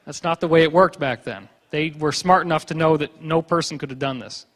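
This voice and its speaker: Man lecturing in a reverberant hall. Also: on the high side. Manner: joking, animated storytelling with quick voiced asides. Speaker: conference speaker. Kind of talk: conference lecture with slides.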